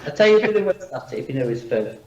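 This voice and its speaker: A man's voice: on the high side, sing-song, quick pace, crowd noise. A man with a blocked nose chatting casually on a video call, his voice sounding echoey and far from the microphone. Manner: chatty, opinionated, lots of fillers. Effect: echoey room sound, voice far from the mic. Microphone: computer mic on a video call. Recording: echoey, distant, dull mic on a call.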